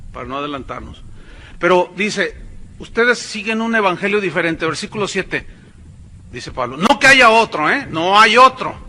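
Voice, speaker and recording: A man's voice: sits high, bright, forceful tone, slight background noise. A man preaching a sermon as pastor, emphatic and speaking straight to the congregation with sarcastic asides.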